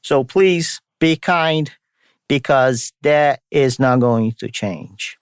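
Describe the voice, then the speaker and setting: A man's voice: medium pitch, slow pace, clear, resonant tone, no echo, clean studio sound. A man from Brazil, a native Portuguese speaker, hosts an informal solo podcast in a mixed Brazilian and Boston accent, dropping his r's. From São Paulo state, Brazil. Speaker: podcast host.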